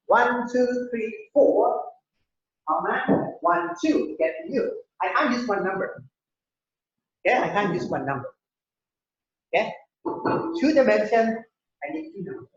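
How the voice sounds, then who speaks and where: A man lecturing a class, his pitch rising and falling a lot as he explains. He often repeats words and keeps asking the room "right?". The sound is dull and lo-fi, with heavy echo from a big hall. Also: a little hiss or hum. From Thailand. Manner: rambling, repeats words, checks in with "right?" and "yeah?". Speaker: university lecturer.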